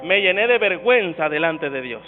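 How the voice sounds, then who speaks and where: A man preaching a sermon as pastor, telling a story and building up to shouted exhortation. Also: a little high, animated, normal speed, narrow, tinny audio, soft background music.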